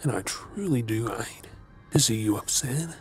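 Man acting a creepy, slow-talking stalker, ASMR role-play. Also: medium pitch, expressive, faint music behind, lightly acted. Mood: sinister, taunting. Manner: creepy, slow, hesitant pauses with mocking softness. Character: creepy obsessive male stalker captor, menacingly tender.

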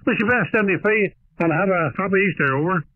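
A man from Ireland, heard over a shortwave radio as a ham operator, speaking in steady radio procedure and ending each turn with "over.". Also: high-pitched, fast talker, no echo. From Northern Ireland. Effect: heard over a shortwave radio receiver. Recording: tinny narrow-band radio signal.

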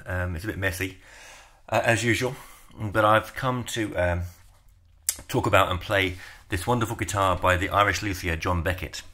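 A man with a very low voice and a bright, forceful tone talks informally from his home. He is relaxed and self-deprecating and fills his sentences with ums and uhs before he plays. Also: normal speed. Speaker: guitarist. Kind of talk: casual spoken introduction at home.

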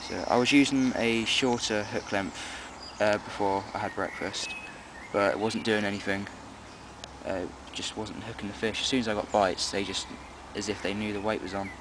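A young angler vlogger with a lowish voice speaks at normal speed, casually explaining his fishing setup as he goes. He's relaxed and chatty, filmed on a handheld camera outdoors by a pond among trees, with loud outdoor noise.

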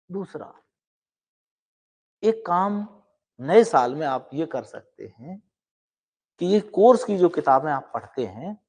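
Middle-aged male coach, earnest motivational talk to students, voice sits a little high, emphatic. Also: husky. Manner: earnest, lively and emphatic, with rising emphatic lines and quiet asides. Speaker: law exam coaching teacher.

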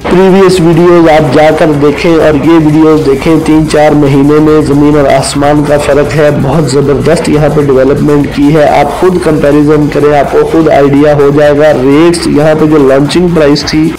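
Man, pakistani urdu accent, property sales voice-over, flat steady delivery, music behind. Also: moderate pace, hardly any pauses, low-quality recording. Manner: persuasive sales pitch, repeats phrases. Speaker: property consultant.

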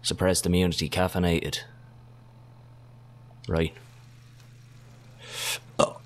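A man giving casual let's-play commentary as he plays, swearing heavily and breaking into excitable outbursts. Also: deep voice, takes it slowly. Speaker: gaming commentator.

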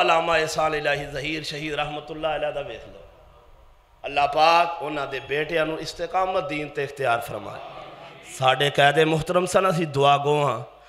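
A man giving a Friday sermon in a mosque, swinging between hushed asides and shouted exhortations and firing rhetorical questions at the congregation. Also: fairly high pitch, reverberant. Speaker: preacher.

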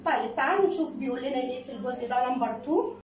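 A woman teacher with an Egyptian Arabic accent, briskly explaining an English lesson to children. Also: high-pitched, lively intonation, roomy sound, recorded from a distance, poor audio. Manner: brisk explaining, addresses pupils as kids. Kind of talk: recorded online school lesson.

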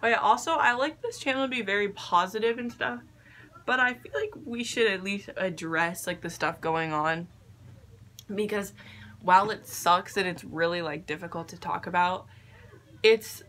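Bright-voiced young woman, unsure and chatty. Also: mid-range voice. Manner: unsure, self-deprecating, halting. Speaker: vlogger. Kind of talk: casual makeup vlog chat. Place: attic bedroom, indoors. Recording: faint background noise, room ambience.

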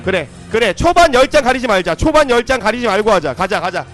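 Young guy streaming a soccer game, super high voice, yelling at his pack openings. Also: animated, fast talker, soft background music. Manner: hyped, shouting and laughing at card pulls. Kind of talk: excited live game commentary.

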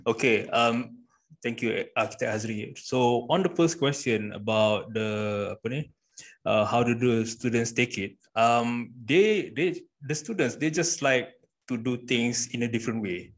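A man's voice: mid-range voice, a little slow. A man with a Malaysian accent explains informally as a lecturer answering questions, acting out quoted speech and mixing in Malay words. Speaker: university design lecturer and webinar speaker. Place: indoors, video call. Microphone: video call microphone.

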